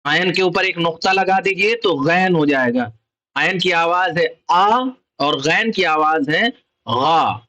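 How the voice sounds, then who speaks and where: A man's voice: a little high, pushed and bright, poor audio. A man with an Urdu accent teaching children the Arabic letters, explaining patiently and repeating each letter and its sound. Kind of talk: slow explanatory lesson.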